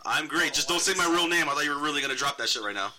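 A man's voice: on the high side, animated, rapid-fire, crowd noise. A man co-hosting a casual podcast, teasing with provocative questions. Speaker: podcast co-host. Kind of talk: casual chat.

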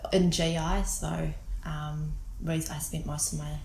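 A woman with a New Zealand accent, talking casually in an interview, relaxed and hesitant with many ums and restarts. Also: low voice, unhurried, vocal fry, reverberant, a little hiss or hum, rough recording. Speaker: guest photographer.

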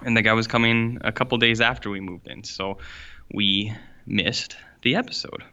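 Dude podcasting, forceful voice, jokey and slangy, dull boxy fishbowl room sound. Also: male voice, on the low side, steady tone, moderate pace. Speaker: podcast co-host. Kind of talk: casual podcast chat. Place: borrowed room at a university.

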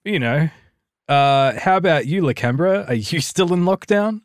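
A man's voice: on the high side, lively intonation, moderate pace, dry recording. Man in natural unscripted casual banter, dry sound. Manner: joking, rambling. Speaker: podcast co-host.

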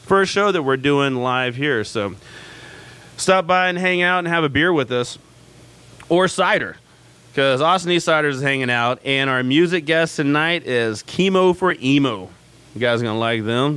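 A man's voice: mid-range voice, a bit bright, clear, resonant tone. A man hosting a casual live radio show from a pub, chatty and self-mocking, with lots of fillers.

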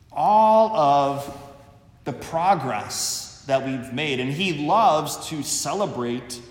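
A man, a priest, reading the Gospel and preaching at Mass in an unhurried, measured way, his voice carried by a cathedral echo. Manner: slow, measured delivery. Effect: cathedral echo with long reverb. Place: large church. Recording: echoey church hall, faint rumble.

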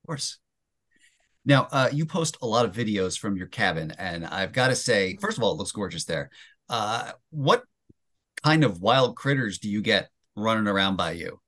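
A man's voice: lowish voice, very animated, moderate pace, fairly bright tone. A man co-hosting a comics interview podcast, friendly and laughing along with his guest. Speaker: podcast co-host.

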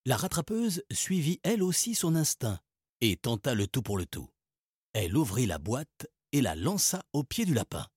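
Man, storybook narrator, husky voice, lively rise and fall, dry close sound. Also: medium pitch, moderate pace, no echo. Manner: lively, expressive reading. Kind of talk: storybook reading.

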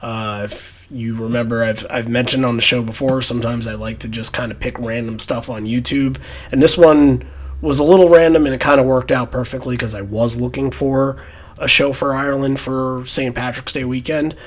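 A man's voice: mid-range voice, steady tone, moderate pace. A man hosting a podcast in casual chat, talking in a rambling, reflective way. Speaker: podcast host.

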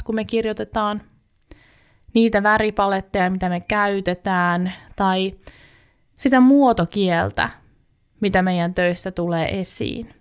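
A woman hosting a podcast, speaking in a reflective scripted monologue that addresses the listener directly. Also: mid-range voice. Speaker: podcast host.

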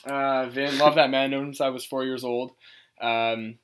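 A young man co-hosting a podcast, cracking jokes and telling animated stories in a casual way. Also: medium pitch, normal speed, clear, resonant tone. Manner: joking, animated storyteller. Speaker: podcast co-host. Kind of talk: casual chat.

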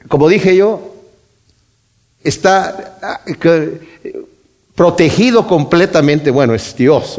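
Man, slightly high voice, earnest Bible preacher who explains verse by verse and lifts his voice for quotes. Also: a little mellow. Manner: earnest, explanatory, rises in pitch when quoting and stressing; addresses listeners directly. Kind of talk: expository Bible sermon.

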